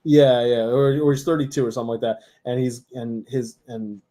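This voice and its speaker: Man, 30s, mellow dark tone, mid pitch, hesitant casual chat. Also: fairly even intonation, moderate pace. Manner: hesitant, filler-heavy, laughing asides. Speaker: podcast co-host.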